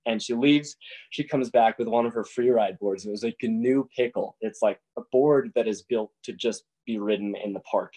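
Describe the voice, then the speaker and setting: A young man, a para snowboarder, telling his own story in a casual, lively way and acting out what people said. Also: on the low side, moderate pace, breathy edge, low-quality recording. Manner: casual, animated retelling with voiced quotes. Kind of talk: personal storytelling talk.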